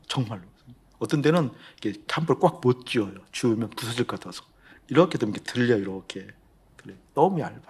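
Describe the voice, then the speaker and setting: Middle-aged male pastor, husky, sermon delivery, quiet storytelling building to fervent calls. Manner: storytelling, swings from soft confiding to loud, high exhortation.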